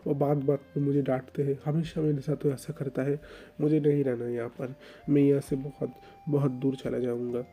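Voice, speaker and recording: A man's voice: medium pitch, level tone, normal speed, mellow, lightly acted. A man voicing a timid, tearful young man who stammers and pleads in a whiny way. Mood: tearful pleading.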